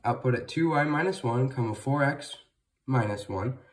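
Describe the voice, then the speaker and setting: A man's voice: mid-range voice, normal speed. Distant-miked man dictating code step by step. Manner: dictating code symbol by symbol in short separate pieces. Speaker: presenter of a calculator programming tutorial. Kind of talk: instructional tutorial, dictating program code. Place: indoors at a wooden table, off camera. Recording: distant from the mic.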